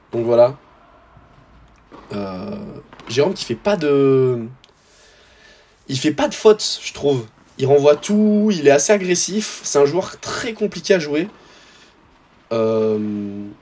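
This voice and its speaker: A man's voice: medium pitch, darkish tone. A young man with a French accent giving casual, slangy voice-over commentary on his own tennis match, talking straight to his viewers.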